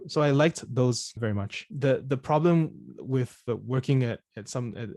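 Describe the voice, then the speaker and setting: A man from Singapore talks through questions in a loose, casual way, stumbling over and repeating his words. His voice sits in an ordinary middle pitch. The sound is dry and close, with no room around it. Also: warm tone, no room sound. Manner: halting, repeats words, laughs often. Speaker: presenter of the course session. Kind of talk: casual conversational Q&A.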